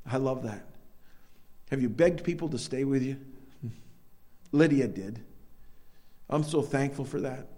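An American man preaching a conversational sermon, telling stories with animated peaks and frequent restarts. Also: mid-range voice. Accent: American English. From United States. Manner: storytelling with rising animated peaks, self-repeating restarts.

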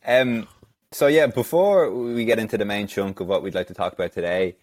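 A man's voice: on the low side, fairly quick, no room sound. A man hosting a podcast, chatting politely and informally with a guest. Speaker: podcast host. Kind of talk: casual chat interview.

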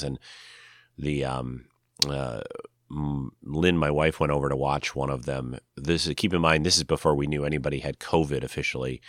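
An older man with a nasal, congested voice, tired from a cold, talking casually and haltingly as he hosts a solo podcast. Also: rumbling low, no room sound, clean studio sound. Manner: halting, rambling. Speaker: podcast host.

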